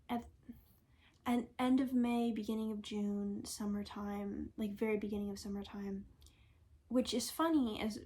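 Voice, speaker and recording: A young woman talking in a casual, reflective vlog, soft-spoken and often slipping into a breathy half-whisper as she thinks aloud. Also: mid-range voice. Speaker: vlogger.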